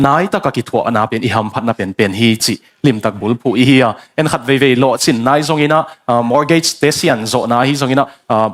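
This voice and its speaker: A man preaching a sermon, building emphasis and dropping in English phrases. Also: medium pitch.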